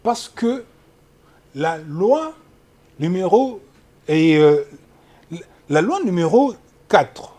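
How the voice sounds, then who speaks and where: A man, a human rights lawyer answering interview questions in a measured, lecturing way and citing legal articles. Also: high-pitched, sing-song, mellow. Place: TV studio.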